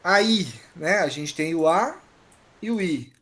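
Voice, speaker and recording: A man's voice: sits high, animated, slow, a bit bright. A man teaching an online exam-prep grammar lesson, patiently explaining and often checking that students follow.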